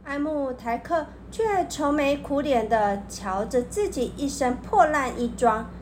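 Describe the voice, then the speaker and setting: A woman narrating a children's story with a gentle, expressive reading. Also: high voice, a little slow, a little hiss or hum.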